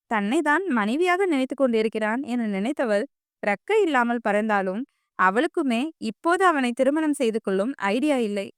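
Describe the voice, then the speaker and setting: A woman narrating a novel as an audiobook in an even storytelling manner. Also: a little high, smooth, no room sound, clean studio sound.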